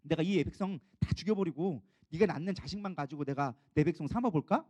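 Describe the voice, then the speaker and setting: A man's voice: a little high, fairly quick, a little mellow, no room sound, voice pushed down, natural voice. A man voicing God in a sermon retelling, with blunt, offhand commands. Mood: coaxing. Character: male deity, commanding yet coaxing.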